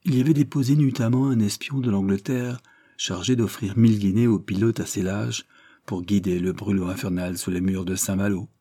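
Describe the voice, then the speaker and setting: A man narrating a historical adventure novel as an audiobook, measured and dramatic. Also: fairly low pitch, fairly even intonation, warm tone. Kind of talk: scripted narration.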